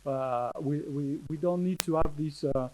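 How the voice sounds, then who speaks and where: A man with a French accent, a native French speaker, giving a conference presentation in English, halting, with many fillers and restarts. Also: a little high, dark tone, a little hiss or hum, low-quality recording. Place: conference hall.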